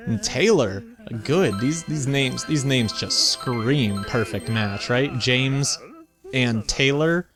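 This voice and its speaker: A man's voice: medium pitch, animated, takes it slowly, over music. A man giving casual, chatty video game commentary, thinking aloud with playful mock indignation as he hosts. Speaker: video game let's play host.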